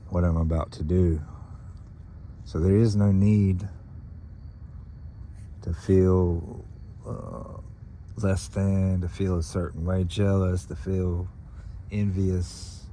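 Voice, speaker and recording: A man with a very low, mellow voice speaks slowly and earnestly, delivering a spiritual message to followers. He pauses often and keeps clearing his throat. A faint hum sits behind him. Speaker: spiritual channeler.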